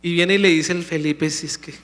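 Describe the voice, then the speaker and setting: A man preaching a sermon in a slightly high voice, emphatic and calling out to his congregation. His words ring out through a church sanctuary. A long hall reverb trails after each phrase. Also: steady tone, fairly quick, a bit bright. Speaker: pastor.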